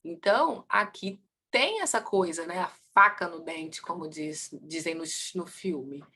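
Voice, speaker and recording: With a husky, lowish voice and a measured pace, a woman leads a family constellation class, asking questions and answering them herself. Her delivery is lively, swinging in loudness and speed throughout.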